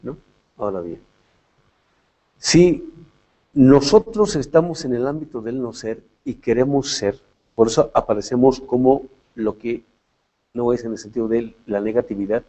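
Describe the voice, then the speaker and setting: A man's voice: mid-range voice, normal speed, pauses often, warm tone, rough recording. A man giving a philosophy lecture in a reflective way, often tagging his points with questions and restarting his phrases. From Latin America.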